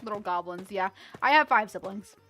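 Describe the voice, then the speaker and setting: A young woman streams and chats off the cuff, her voice bright and forceful. She rambles, restarts her sentences and often laughs, with soft music playing behind her. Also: medium pitch, lively intonation, moderate pace. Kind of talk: casual livestream chat while gaming.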